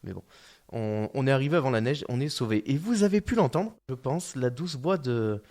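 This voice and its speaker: A man's voice: medium pitch, lively intonation, a little fast, darkish tone. A man hosting a casual podcast chat in a radio studio, joking, laughing often and trailing off with fillers. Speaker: podcast host.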